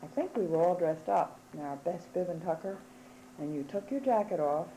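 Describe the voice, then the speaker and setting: A woman's voice: on the low side, lively intonation, moderate pace, dark tone, a little hiss or hum, poor audio. A woman interviewing a relative, fondly recalling a family event as she sets up her question. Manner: fond, reminiscing storytelling. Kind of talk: casual chat.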